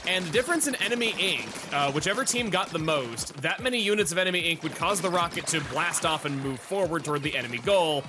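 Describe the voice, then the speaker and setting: A high-pitched man talks over a video game with a lively, bouncing pitch, swinging from low mumbled asides to loud excited shouts. Game music plays clearly behind him throughout. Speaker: let's play commentator.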